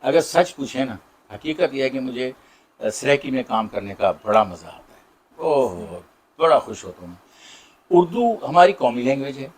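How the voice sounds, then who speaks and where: A middle-aged actor with a Saraiki accent, answering interview questions in a warm, grateful way with many pauses. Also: male voice, medium pitch, sing-song, breathy edge. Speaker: Saraiki drama and film actor.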